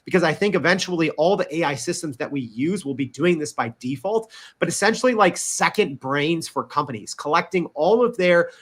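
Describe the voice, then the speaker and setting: A man's voice: a little high, expressive, fairly quick, hardly any pauses, a bit bright. A man speaking as a podcast guest in an interview, emphatic and peppering his talk with "right?" and "you know". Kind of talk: interview conversation.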